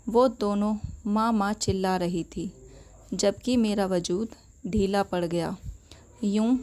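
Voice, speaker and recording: A woman narrating a sad story in the first person, in a slow, emotional telling. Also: medium pitch, warm tone.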